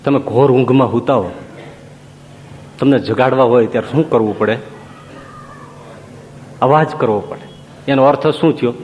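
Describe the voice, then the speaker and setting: A man's voice: mid-range voice, normal speed, pauses often, a little mellow, slight background noise. A man telling devotional stories in a sermon, often asking his listeners questions. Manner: storytelling with rhetorical questions. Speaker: preacher. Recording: long reverb, dull lo-fi sound, faint ambience.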